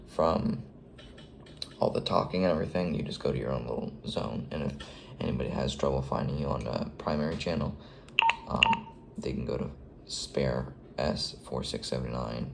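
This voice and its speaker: A man with an extremely low, gravelly voice walks through a handheld radio in a casual how-to tutorial. He talks hesitantly, pausing and restarting often. Clear noise and radio beeps sit under the recording. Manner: hesitant, frequent ums and restarts. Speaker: fleet radio dispatcher.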